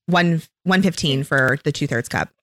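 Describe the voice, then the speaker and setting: A woman's voice: sits low, normal speed, a bit bright, slight background noise. A woman co-hosting a casual podcast chat on a headset, reviewing products and reading out label figures. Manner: chatty, reads out label figures. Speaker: podcast co-host.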